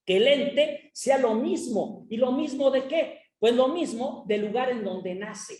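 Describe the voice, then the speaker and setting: A woman's voice: a little high, lively intonation, measured pace, mellow. A Mexican woman who teaches gives an explanatory academic panel talk, checking in with her listeners as she goes. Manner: explanatory lecturing, tag questions to listeners. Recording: roomy echo.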